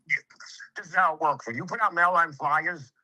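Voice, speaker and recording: A man's voice: a little high, fairly quick, bright, forceful tone, rough recording. Brash streetwise contractor man in his fifties. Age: 50s. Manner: brash, streetwise, lectures with swearing and acted-out quotes. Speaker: home improvement contractor. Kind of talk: casual sales conversation.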